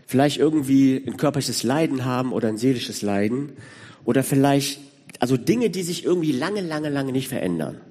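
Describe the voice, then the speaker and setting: A man's voice: mid-range voice, warm tone, big-room sound. A man in his sixties giving a sermon in a conversational way, speaking directly to the congregation. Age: 60s. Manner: conversational, addresses listeners directly. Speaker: preacher.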